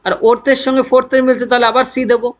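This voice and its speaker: Brief man with a very high voice lecturing as a teacher, dictating slowly and then explaining fast. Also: level tone. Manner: asks questions and answers them himself; dictates English notes slowly and spells words out letter by letter. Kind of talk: classroom lecture.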